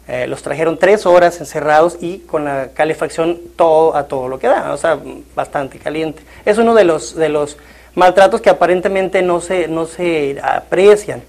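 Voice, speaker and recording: A man's voice: on the high side, moderate pace, gravelly. Man in his thirties giving clinical answers. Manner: calm, clinical, with frequent fillers. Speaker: medical staff at a shelter. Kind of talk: interview answer. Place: small indoor office. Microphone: lapel.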